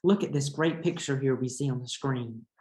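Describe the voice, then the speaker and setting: A male teacher reads a picture book aloud to young pupils, explaining and asking them questions in an instructive manner. His mid-range voice is a little mellow at a normal speed, and the room sounds echoey.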